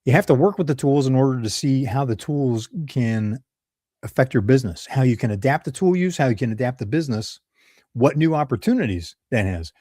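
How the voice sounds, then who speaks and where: Here the Midwestern leadership host sounds animated and fairly quick, his mid-range voice warm. The studio recording has no room sound, and his solo talk stays conversational, wandering off on tangents and correcting himself.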